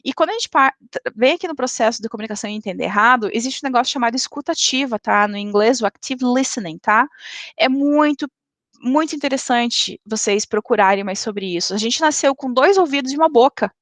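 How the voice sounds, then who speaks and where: High-voiced woman giving a webinar lecture. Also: expressive, fairly quick, a bit bright, no room sound. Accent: Brazilian Portuguese. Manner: didactic, frequent "tá?" tag questions.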